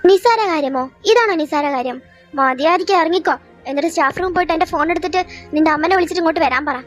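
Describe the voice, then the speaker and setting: A strict schoolteacher barks at a pupil in a piercing, very high voice, as a young woman puts her on. She fires off loud, scolding questions, one after another. The voice stays shrill and forceful throughout this fan audio drama. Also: steady tone, very fast, faint music behind.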